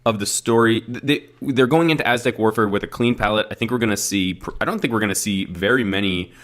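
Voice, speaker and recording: A man's voice: lowish voice, fast, fairly bright tone. A man hosting a casual wrestling review podcast, laid-back and steering the talk along. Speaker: podcast host.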